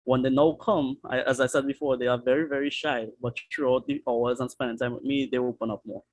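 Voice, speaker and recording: A man's voice: mid-range voice, fairly even intonation, brisk. A man with a Trinidadian accent speaking casually as a panelist, chatty and repeating himself. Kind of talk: online panel discussion.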